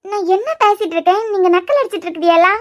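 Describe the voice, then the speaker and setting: A woman's voice: very high-pitched, rapid-fire, muffled recording. A woman voicing a weepy young wife who pleads and sulks, with a Kanyakumari Tamil accent. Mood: sulky. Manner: plaintive, pleading, sulky. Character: young pregnant wife, weepy and easily hurt. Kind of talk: cartoon web series voice acting.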